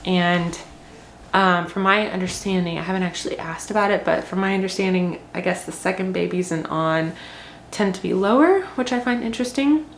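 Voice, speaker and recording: Chatty pregnant woman, lowish voice. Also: brisk, a little hiss or hum. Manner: chatty, rambling, many ums and likes. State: short of breath. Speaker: vlogger. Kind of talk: casual pregnancy update. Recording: echoey room with faint ambience.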